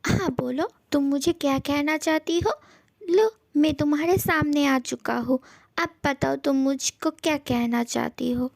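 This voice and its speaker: A woman's voice: high voice, measured pace, vocal fry, dry recording. A woman voicing a handsome young male ghost who threatens a newcomer to leave his room, in a fan audio story. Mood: bossy. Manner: bossy, threatening.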